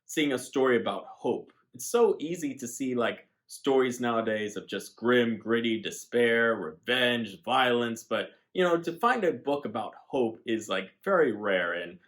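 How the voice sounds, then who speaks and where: A man's voice: medium pitch, animated, a little slow, hardly any pauses, a bit bright. A man talking casually and enthusiastically in a comic book review vlog, often saying "like". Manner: enthusiastic, gushing, says "like" often.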